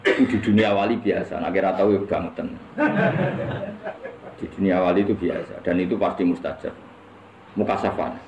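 A man's voice: low-pitched, steady tone, normal speed, pauses often, darkish tone, dull audio. A man with a Javanese accent giving a religious lecture, telling humorous stories and often laughing. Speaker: Islamic preacher. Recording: echoey room with faint noise.

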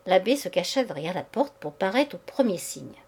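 A woman reading a classic short story aloud in a measured, expressive way. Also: medium pitch, breathy edge. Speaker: reader.

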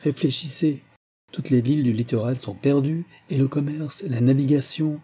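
Man reading earnest young hero, questioning, dark husky tone. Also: mid-range voice, fairly even intonation, moderate pace, natural voice. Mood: worried.

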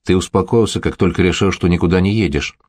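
A man voicing a young woman who is teasing and caring in an audiobook, with a playful, gently mocking manner. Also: sits low, fast talker, no echo, natural voice. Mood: careful.

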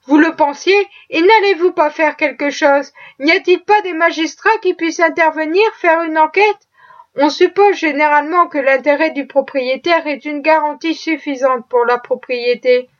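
A woman's voice: sits high, normal speed, highs cut off, close to an everyday voice. A woman reading the lines of a stern, indignant spinster cousin who protests with urgent questions.

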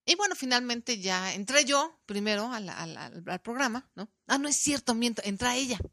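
A Mexican woman hosts her podcast in a casual, chatty way, slipping into little voices as she retells what people said. Her voice is bright and forceful, and the sound is close and dry. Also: fairly high pitch, normal speed, no room sound. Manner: animated storytelling, acting out quoted voices. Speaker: podcast host. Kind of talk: casual chat.

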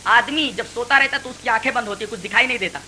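A man's voice: extremely high pitch, pushed and bright, rough recording. Man, Quran commentary lecture, emphatic rhetorical preaching, faint hiss behind. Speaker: Islamic scholar giving Quran commentary.

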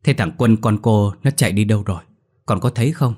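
A man voicing a frantic young mother who is calling loudly for her missing son. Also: fairly quick, husky. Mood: anxious. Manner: shrill calling out, panicked.

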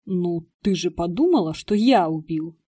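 A woman reading the part of an agitated young gentleman in an audiobook. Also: high voice, a little slow, breathy edge, full character voice. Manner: exasperated, excitable.

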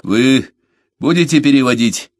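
A man voicing a furious, grieving man, half-mad with rage, shouting in fierce hoarse outbursts in an audiobook. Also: lowish voice, unhurried, dry recording, clean studio sound.

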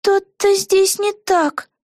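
A woman reading a storybook aloud and voicing an anxious, cautious young girl witch in a very high voice. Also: fairly even intonation, takes it slowly, darkish tone, dry recording, clean studio sound. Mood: worried. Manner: worried, earnest.

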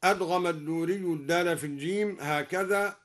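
A man with an Egyptian accent explaining recitation variants in a slow, deliberate way, chanting each example melodically. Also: sits high, a bit bright. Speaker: Quran recitation scholar. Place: radio studio.

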